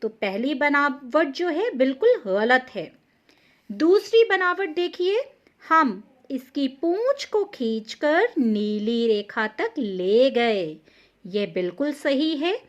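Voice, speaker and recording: A woman's voice: sits high, very animated, slow, highs cut off. A woman teaching how to write Hindi letters. She speaks patiently, repeating points and stressing each correction. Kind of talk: slow explanatory lesson.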